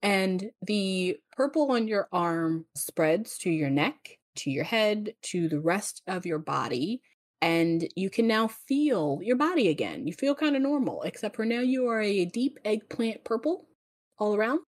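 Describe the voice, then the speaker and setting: A woman narrating a tabletop game as game master, in a casual, quick way with fillers. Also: mid-range voice, animated, dry recording, studio quality.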